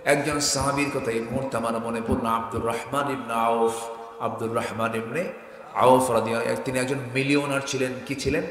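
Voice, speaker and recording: A man from Bangladesh preaching a waz sermon and telling a story, his voice swinging from soft to loud bursts. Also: medium pitch, steady tone, a little fast. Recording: echoey hall with long reverb.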